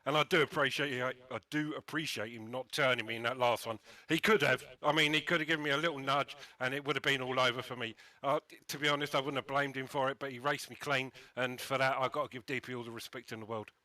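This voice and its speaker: Bright-voiced racer, halting replies. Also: male voice, mid-range voice, steady tone, dry recording. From United Kingdom. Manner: halting, repeats words while thinking. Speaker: race winner being interviewed. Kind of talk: post-race interview.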